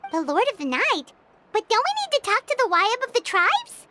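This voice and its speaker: An actress voicing a tiny, eager fairy companion in a video game, with a squeaky, childlike voice. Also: female voice, wildly swooping pitch, normal speed, background noise, heavily acted. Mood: curious. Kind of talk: scripted video game dialogue. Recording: game music behind the voice.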